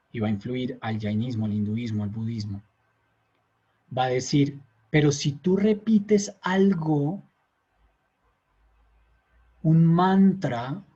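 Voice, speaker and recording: A man's voice: on the high side, warm tone, breathy edge. A man giving a conversational lecture, often checking in with his listeners. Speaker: teacher. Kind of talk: recorded lecture. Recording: dull lo-fi lecture recording.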